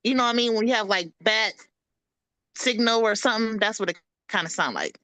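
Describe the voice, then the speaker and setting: A woman's voice: fairly high pitch, fairly quick, pushed and bright, no echo. A woman on a video call chatting casually in a public meeting, full of "like" and repeating her point. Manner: chatty, repeats herself with many "like"s. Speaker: commission member.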